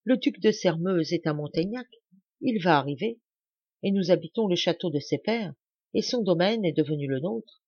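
A woman reading an audiobook, voicing a proud middle-aged man who shouts in menacing fury. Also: lowish voice, expressive, normal speed, husky, dry recording, highs cut off. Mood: grave.

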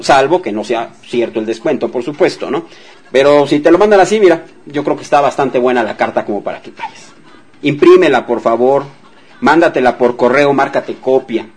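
A man hosting a radio show and giving debt advice to listeners in a relaxed, conversational way, speaking straight to them and acting out sample dialogues. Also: mid-range voice, normal speed, breathy edge. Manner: conversational, addresses listeners directly, acts out example dialogues. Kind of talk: casual advice talk to listeners.

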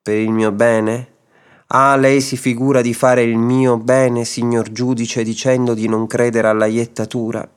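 A man's voice: medium pitch, flat delivery, a little slow, smooth, natural voice. A man voicing a grim, indignant middle man branded a jinx, insistent and stubborn, in a radio story reading.

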